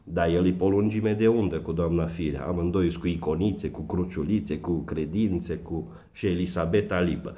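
A man's voice: low voice, few pauses, highs cut off. A man delivering a satirical comedy monologue, mocking and sarcastic, full of puns. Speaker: satirical commentator.

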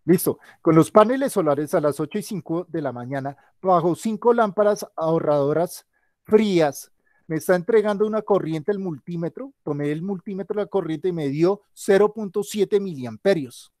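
A man's voice: sits high, moderate pace, darkish tone, no room sound, clean studio sound. A tired male teacher giving an online class, thinking aloud and correcting himself as he works through the board. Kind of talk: online class with a shared whiteboard.

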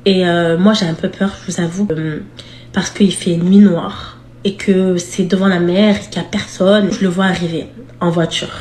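Young woman, animated confiding storyteller, roomy echo, faint noise behind. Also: lowish voice, moderate pace. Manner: animated, confiding, addresses listeners as girls. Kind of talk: telling a personal scary story.

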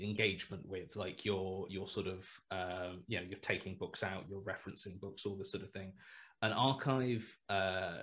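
On a casual video call interview from a small room at home, a guest writer in his thirties muses through a headset. His lowish, fairly bright voice rambles and circles back on itself with hesitation, many fillers, and restarts, and he picks his words slowly as he thinks aloud.

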